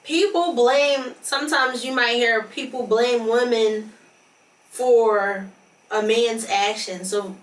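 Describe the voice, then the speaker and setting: A woman's voice: on the high side, slow pace. A twenty-year-old woman co-hosting a podcast, chatting casually and rambling with restarts. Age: 20s. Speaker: podcast co-host. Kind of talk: casual chat. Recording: echoey room, mic at a distance.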